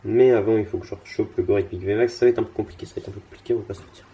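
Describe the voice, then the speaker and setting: A man's voice: lowish voice, fairly even intonation, very fast, dark tone, husky, highs cut off. A young man casually commenting on his card game as he plays, thinking aloud with lots of fillers and restarts, tired and yawning.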